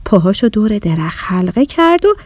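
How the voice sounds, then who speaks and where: A woman narrating a children's story in an animated, expressive way. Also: mid-range voice, no echo.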